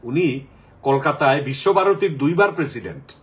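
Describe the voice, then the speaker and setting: A man's voice: a little high, expressive, moderate pace. A middle-aged man from the Sylhet region, chatting casually in a rambling way with many fillers. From Sylhet region, Bangladesh. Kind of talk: casual chat.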